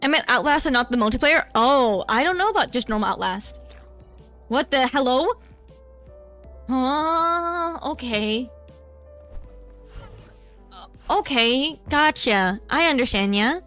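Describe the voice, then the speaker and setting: A woman's voice: high-pitched, expressive, slow pace, pauses often, bright, forceful tone, soft background music. A woman VTuber chatting casually while playing a game, flustered and chatty, tacking a cutesy "nya" onto her lines. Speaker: VTuber streamer. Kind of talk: casual gameplay streaming chat.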